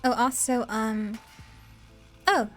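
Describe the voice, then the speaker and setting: A woman's voice: on the high side, steady tone, takes it slowly, fairly bright tone, soft background music. A woman streaming a game roleplay as a police officer, easygoing and agreeable, talking to her chat.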